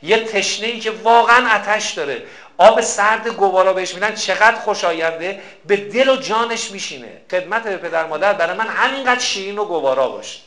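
Bright-voiced man preaching in an echoey room. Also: high-pitched, lively intonation. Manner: slow, drawn-out recitation of prayer lines; swings between soft passages and loud emphatic pleas. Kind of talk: sermon on a prayer text. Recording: roomy echo.

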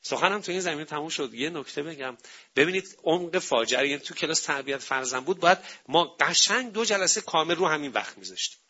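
A man giving an animated public talk on parenting and family, telling stories and acting out what people say. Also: fairly high pitch, breathy edge. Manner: animated storytelling, acting out quotes. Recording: dull lo-fi recording.

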